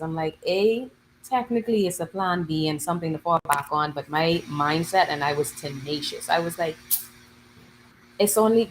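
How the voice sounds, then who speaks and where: A Bahamian woman in her thirties, a guest musician, chatting in an interview and telling her stories in lively local slang. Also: fairly low pitch, slight background noise, low-quality recording. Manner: animated storytelling, lively dialect slang. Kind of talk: casual interview chat.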